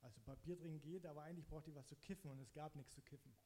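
A man's voice: fairly high pitch, rapid-fire, warm tone, slight background noise. A man from eastern Saxony telling his own conversion story in plain, slangy, conversational speech. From eastern Saxony, Germany. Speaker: guest sharing a conversion testimony. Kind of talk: candid personal storytelling.

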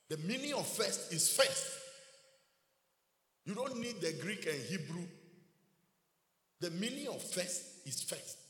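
Animated preacher in an echoing hall. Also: male voice, high-pitched. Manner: emphatic, rhetorical questions, repeats key words. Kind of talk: sermon. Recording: echoey hall reverb.

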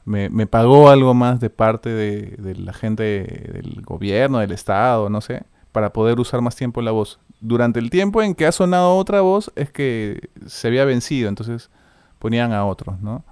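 A man's voice: medium pitch, animated, normal speed, darkish tone, clear, resonant tone, no room sound, clean studio sound. A man in his forties with a Peruvian Spanish accent, a voice-over announcer chatting casually in a rambling way. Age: 40s. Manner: easygoing, rambling, tags lines with "¿no?". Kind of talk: casual chat.

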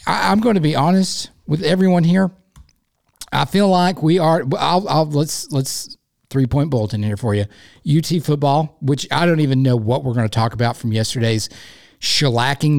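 A man's voice: fairly high pitch, creaky, a little mellow. Rambling, emphatic male sports podcast host. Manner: informal, rambling, emphatic with repetition. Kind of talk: casual opinionated solo commentary.

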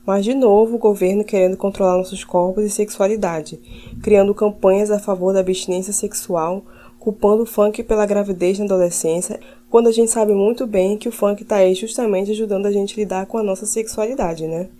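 Woman, podcast host, warm mellow tone, fluent prepared delivery. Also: mid-range voice, steady tone, a little fast. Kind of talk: prepared commentary and question.

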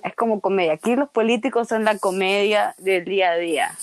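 Young woman, casual podcast host, animated storyteller who slips into voices. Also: medium pitch, brisk, a little hiss or hum, rough recording. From Ecuador. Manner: animated, acts out quoted voices. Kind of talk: casual chat.

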